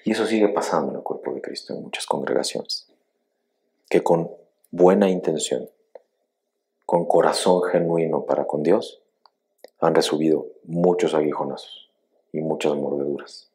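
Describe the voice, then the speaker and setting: A middle-aged male pastor preaches a sermon in a very low voice. He tells stories emphatically, rising loud then sinking quiet. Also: moderate pace, pauses often.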